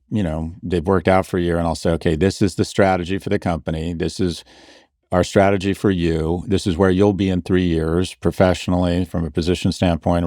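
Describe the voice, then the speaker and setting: Deep-voiced blunt man hosting a podcast. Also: warm tone, no echo, studio quality. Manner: blunt, wry and self-mocking. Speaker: podcast host. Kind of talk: casual podcast advice and ad read.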